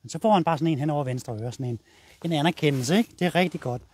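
A man's voice: a little high, a little mellow, breathy edge, dry recording. A man with a Danish accent, a dog trainer explaining his method in a blunt, casual way while walking a dog outdoors.

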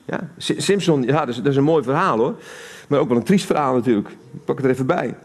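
Speaking quickly at a medium pitch, this Dutch-accented man sounds animated and slightly rough. He is a preacher giving a live sermon in a church hall, keeping it conversational and asking the congregation questions.

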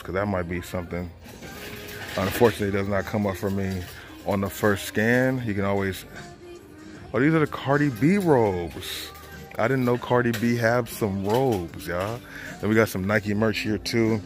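Brief: low-voiced man in his thirties, casual chatty reseller vlog, store music playing behind. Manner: casual, chatty, thinking aloud. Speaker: reselling vlogger. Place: large retail store, indoors. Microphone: handheld phone.

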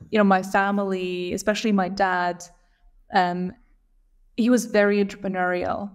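A woman's voice: medium pitch, clean tone. Thoughtful woman from Lithuania. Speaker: guest, operations leader. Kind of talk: casual interview chat. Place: small room at home. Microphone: video call with earbuds.

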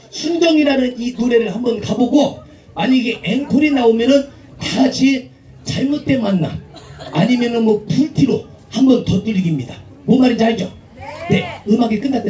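High-voiced man joking with a crowd. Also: lo-fi sound. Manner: teasing, coaxing the audience to chant along. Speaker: stage comedian and entertainer. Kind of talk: bawdy stage banter with the crowd. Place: outdoor stage before a live crowd. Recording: distant outdoor mic with loud crowd.

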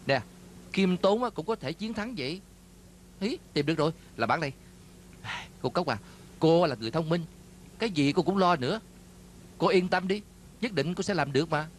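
An anxious male film crew assistant, dubbed by a man in a TV drama. He sounds placating and apologetic, with a fairly high voice. Faint music plays underneath. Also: expressive, normal speed, pauses often, slight background noise, natural voice. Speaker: dub actor. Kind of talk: Vietnamese dub of a TV drama.

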